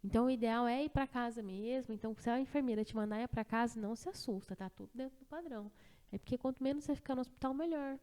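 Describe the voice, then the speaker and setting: A woman's voice: a little high, fast, warm tone. A woman hosting a podcast who attends births, giving reassuring advice and asking her guest questions. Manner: reassuring, advising. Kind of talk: casual interview.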